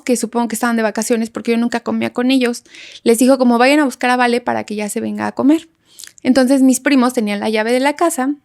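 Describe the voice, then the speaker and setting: A young woman with a Mexican Spanish accent telling a story in a casual podcast chat, animated and laughing often as she acts out voices. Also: fairly high pitch, clean tone. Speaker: podcast guest.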